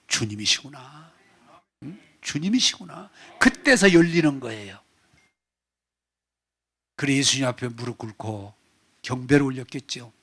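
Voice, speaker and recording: A man's voice: medium pitch, fairly bright tone. A male pastor preaching a sermon in church, telling the story vividly and acting out scenes.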